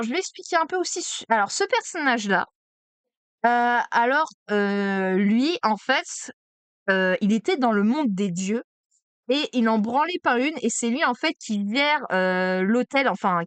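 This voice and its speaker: A woman streaming a card opening, chatty and excitable, exclaiming over each card. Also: mid-range voice, clear, resonant tone, no echo. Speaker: streamer opening trading cards. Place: at home desk.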